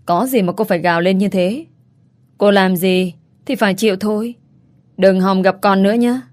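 A woman's voice: medium pitch, moderate pace, darkish tone, close to an everyday voice. A woman voicing a harsh, scornful father who snaps and sneers.

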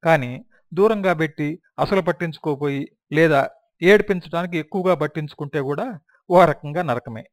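Brief: male audiobook narrator, slightly high voice, reflective first-person memoir reading, dry close recording. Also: moderate pace, pauses often, no room sound.

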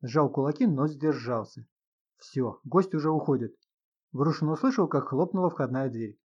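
A man narrating a novel as an audiobook in an even, measured reading. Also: a little high, husky, lo-fi sound.

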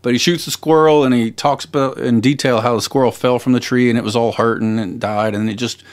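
A man's voice: medium pitch, steady tone, fairly quick, clear, resonant tone. A man co-hosting a podcast, chatting casually and retelling a story with lots of fillers and restarts. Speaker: podcast co-host. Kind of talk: casual chat.

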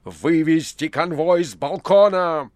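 A man reading an audiobook, voicing a harsh, cruel Roman procurator with a hoarse, strained voice and slow, barking outbursts. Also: deep voice, animated, dry recording, clean studio sound, heavily acted. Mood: furious. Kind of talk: audiobook character voice.

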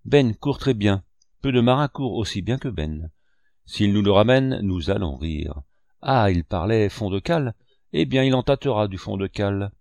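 A man's voice: lowish voice, expressive, normal speed, gravelly, darkish tone, dry recording. Man doing Long John Silver, bluff sly innkeeper. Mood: confiding. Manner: bluff, blustering, theatrical indignation. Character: scheming one-legged male innkeeper, hearty and sly. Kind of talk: audiobook character reading.

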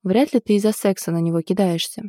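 A woman's voice: mid-range voice, fast, dark tone, no echo, lightly acted. Brief: a kind, soothing young woman, read by a woman narrator, close dry sound. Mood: gentle.

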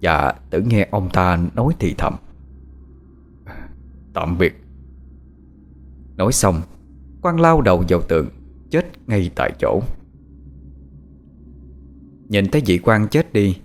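A man's voice: sits low, moderate pace, long pauses, slight background noise. A man narrating a horror story in a dramatic, scripted manner. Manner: lively, dramatic delivery. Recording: soft background music.

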